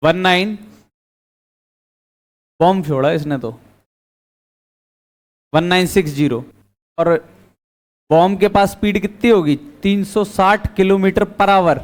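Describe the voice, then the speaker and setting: Guy teaching physics class, fairly high voice, fires off questions then answers em himself. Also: takes it slowly, long pauses. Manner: quizzing students, answering his own questions. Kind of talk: classroom lecture.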